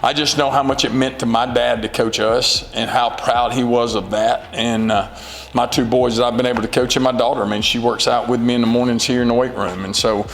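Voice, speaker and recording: A man in his forties, a high school football coach, answering interview questions in an earnest, rambling way with many fillers. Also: flat delivery, brisk, a bit bright, long reverb tail, a little hiss or hum, rough recording. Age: 40s.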